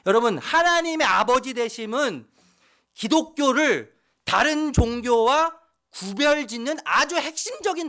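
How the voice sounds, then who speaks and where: A male pastor preaches a Sunday sermon with a very expressive, animated pitch that rises and falls widely. He speaks straight to the congregation, asks them questions and repeats key words for emphasis.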